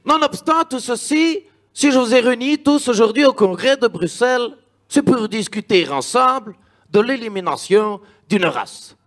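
A pompous male dictator with a put-on Belgian accent, as a comedian plays him. He declaims in a high, raised voice. The bit is stand-up comedy. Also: expressive, fairly quick, hardly any pauses, pushed and bright, exaggerated voice. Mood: declaiming.

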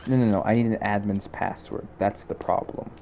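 Gravelly low-voiced man in gaming chat. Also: steady tone, a little fast, warm tone, slight background noise. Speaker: friend in voice chat.

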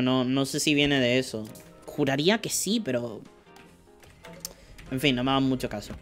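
A man's voice: medium pitch, a bit bright. A man from streaming a cooking game, chatting casually and muttering order items under his breath, swearing when frustrated. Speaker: gameplay streamer. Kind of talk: casual commentary while playing.

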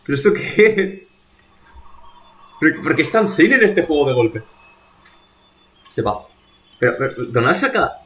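A man's voice: on the high side, sing-song, a little slow, pauses often, a bit bright. A man from streaming a video game live, talking to himself in exasperated bursts and swearing as he plays. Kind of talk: live gameplay commentary.

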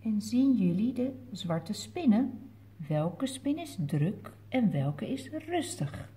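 A woman with a Dutch accent reading picture books aloud to toddlers in a gentle way, asking the children questions. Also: on the high side, big pitch swings. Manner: gentle, slow storytelling that asks the children questions. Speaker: children's story reader.

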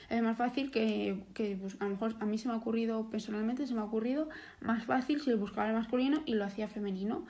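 A woman's voice: a little high, warm tone. A young woman teaching a recorded online lesson, explaining step by step with restarts and fillers.

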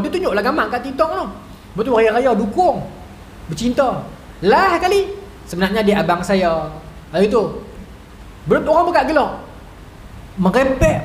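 Recorded in an echoey hall with a faint hum, this thirtysomething man speaks with a northern Malaysian Malay accent in a high, very animated voice. His humorous religious talk moves at a moderate pace with long pauses, full of stories, asides, and repeated "right?" checks to the crowd.

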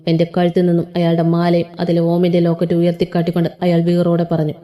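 A woman narrating a first-person audio story in a steady, measured way. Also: lowish voice.

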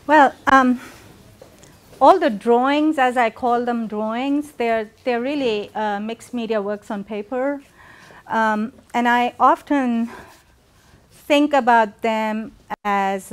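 A middle-aged woman from Pakistan, an artist giving a reflective gallery talk with many pauses and fillers, filmed from a distance in a large gallery room. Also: a little high, smooth.

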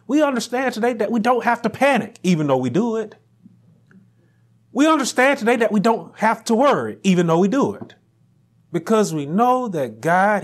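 In a small church room, a pastor wearing a lapel mic delivers a sermon in a high-pitched voice. His phrasing is slow and deliberate, and he builds to near shouts whenever he drives a point home.

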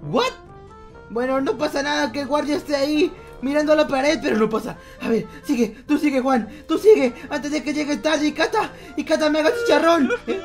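A man runs a Minecraft roleplay with a high-pitched voice. He narrates and exclaims in a playful, exaggerated way, groaning and shouting at each surprise. Game music plays clearly behind him. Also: brisk.

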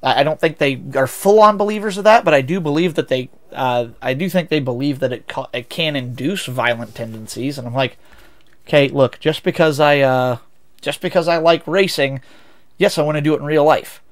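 A young man from the U.S. with a Midwestern accent chats while streaming a racing game, fairly quick and with a high-ish voice. As a VTuber streamer, he rambles and fixes his own words as he goes.

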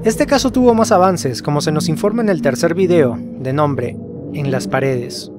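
This horror explainer narrator speaks at an even, moderate pace in a fairly high-pitched voice, with music playing underneath. He walks through a scripted case like a storyteller, throwing rhetorical questions at his audience.

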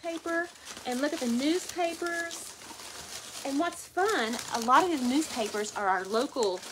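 A woman vlog host chats with viewers, calling them "y'all," as she unboxes thrift finds in an indoor workroom for a casual haul video. Her voice is high, expressive, and unhurried, with background noise in the recording. Her manner is chatty.

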